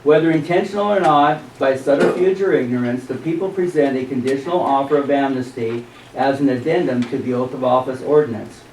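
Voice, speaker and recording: An American man giving a formal public statement from prepared text, deliberate and occasionally stumbling over the written wording. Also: medium pitch, darkish tone. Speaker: citizen presenter at a county commissioners meeting. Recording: roomy, distant microphone, faint background noise.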